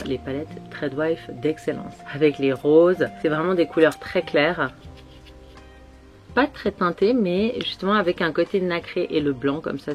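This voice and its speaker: A woman giving a casual makeup tutorial, chatting straight to her viewers and speaking in an accent she is putting on. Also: on the low side. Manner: chatty, addresses viewers directly. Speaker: makeup vlogger.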